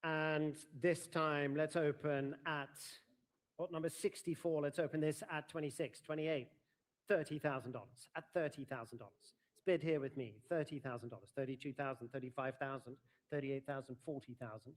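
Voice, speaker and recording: A man's voice: on the high side, fairly even intonation, normal speed. A man working as an auctioneer, formally and courteously announcing lots and calling out bids at a live sale.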